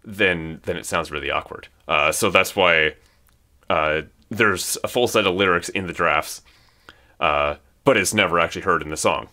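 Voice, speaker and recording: Man, casual commentary, low but bright, hesitant and rambling. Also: moderate pace. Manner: rambling, hesitant, many restarts. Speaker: music creator.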